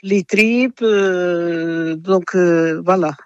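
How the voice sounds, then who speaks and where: An older woman from Portugal with a Portuguese accent, answering interview questions haltingly with many fillers. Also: lowish voice, smooth, no echo, muffled recording. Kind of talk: radio interview.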